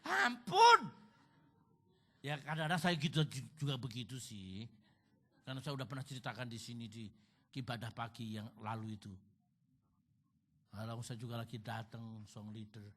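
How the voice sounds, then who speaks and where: At a church service, a middle-aged pastor delivers a sermon full of funny stories, including a loud impression of a song leader. His voice is medium-pitched and animated, at normal speed with frequent pauses.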